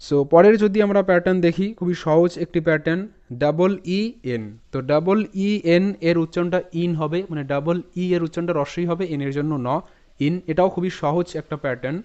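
Male English reading teacher, slightly high pitch. Patient, spells words letter by letter. Lo-fi recording. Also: fairly even intonation, darkish tone, smooth. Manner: spells words letter by letter, then repeats them slowly. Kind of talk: spoken language lesson. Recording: dull lo-fi sound.

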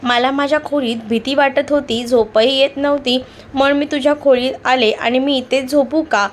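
Brief: indignant young woman in a storybook, read by a woman, high voice, scolding. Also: steady tone, moderate pace, a little hiss or hum, lightly acted.

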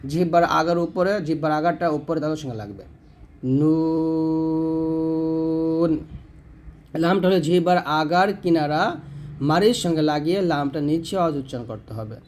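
A man teaching Quran pronunciation, sounding out each Arabic letter slowly and then explaining how the tongue and throat should move. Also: a little high, expressive, a little hiss or hum. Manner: self-corrects mid-lesson.

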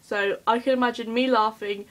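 A woman's voice: a little high, steady tone, normal speed, poor audio. A woman chatting casually in a vlog, hyper and giggly, rambling with lots of ums. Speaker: vlogger.

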